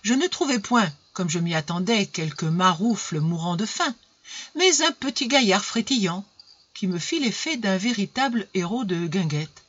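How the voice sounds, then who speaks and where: Woman narrator, husky, lively character reading, dull lo-fi sound. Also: normal speed. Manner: lively, voices characters with pitch jumps. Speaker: audiobook reader. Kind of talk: expressive literary reading. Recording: dull lo-fi recording.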